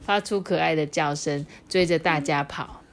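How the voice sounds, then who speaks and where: A young mother with a Taiwanese Mandarin accent reading a picture book aloud to a child, chatty and animated. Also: low-pitched, moderate pace. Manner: chatty, animated, explaining asides.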